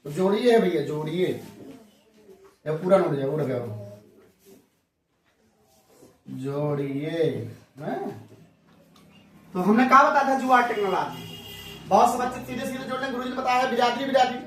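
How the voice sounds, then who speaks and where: High-voiced man teaching in an echoey room. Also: animated, measured pace, pauses often, a bit bright, slight background noise. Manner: folksy, asks the class questions and answers them himself. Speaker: math teacher. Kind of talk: classroom math lesson. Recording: echoey room, mic far off.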